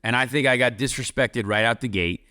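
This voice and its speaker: A man's voice: mid-range voice, brisk, sharp tone. A man hosting a podcast, telling a long casual story with lots of "like" fillers. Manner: rambling, heavy use of "like". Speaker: podcast host.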